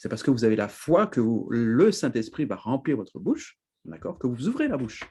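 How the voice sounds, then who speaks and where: Husky man teaching with animated emphasis. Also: mid-range voice, moderate pace. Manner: animated, laughs often, repeats "d'accord?" to check in. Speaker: preacher. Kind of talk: teaching sermon.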